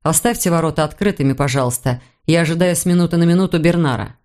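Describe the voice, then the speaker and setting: A woman reading an audiobook, voicing a stern man who gives brisk orders in a lowered voice. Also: a little mellow, close to an everyday voice. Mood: curt. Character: curt stern adult man. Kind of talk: audiobook character voice.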